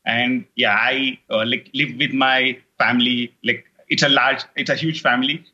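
A middle-aged online course creator from India, native in Telugu and accented in Indian English, talks casually as an interview guest. He rambles with frequent fillers and restarts in a steady, mid-range voice that is pushed and bright, at normal speed, on lo-fi audio.

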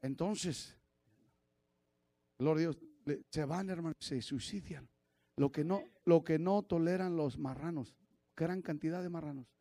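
A man, preaching a sermon as pastor, swinging from shouted preaching to low confiding asides. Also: unhurried, long pauses, no room sound.

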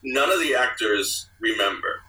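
A man's voice: medium pitch, animated, normal speed, far from the mic, very noisy. A man, an author being interviewed, talking casually with many fillers and restarts.

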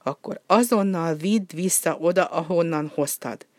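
A reader voicing a sensible, gentle male penguin who speaks mildly and earnestly. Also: mid-range voice, no room sound, studio quality, lightly acted. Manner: mild, careful and earnest.

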